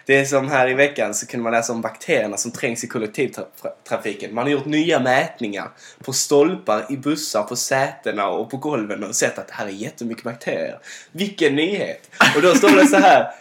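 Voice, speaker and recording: A man's voice: medium pitch, expressive, few pauses. A man co-hosting a podcast, chatting casually with dry, wry remarks. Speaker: podcast co-host. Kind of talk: casual chat.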